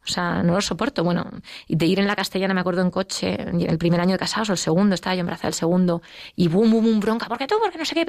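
A middle-aged woman with a Spanish accent, telling her personal story as an interview guest, emotional and quick. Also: on the low side, vocal fry, dry recording, studio quality. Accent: Spain. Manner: fast, emotional storytelling with acted quotes. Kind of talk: personal testimony in conversation.

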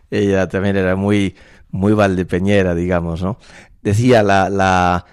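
A man in his sixties from La Mancha in Spain, a priest, speaking thoughtfully with frequent pauses in a radio studio interview. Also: low-pitched, fairly even intonation, darkish tone, clean tone, dry recording. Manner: thoughtful, measured, with frequent hesitations. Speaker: priest and university rector. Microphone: studio microphone.

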